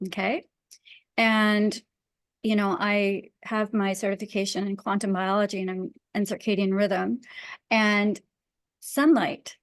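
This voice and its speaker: An interview guest from Pakistan, this wellness and design expert speaks in a level, unhurried, mid-range voice with no room sound. She's conversational yet earnest and emphatic as she explains her ideas.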